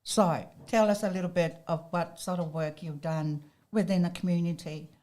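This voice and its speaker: A woman's voice: lowish voice, fairly even intonation, moderate pace, warm tone. A woman hosting an interview, politely prompting her guest with questions. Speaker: host.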